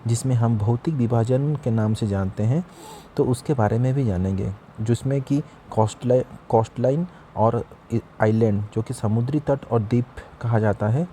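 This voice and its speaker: Mellow-voiced male online teacher. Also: mid-range voice, moderate pace, slight background noise. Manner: chatty, addresses viewers as friends. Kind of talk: explanatory lesson narration.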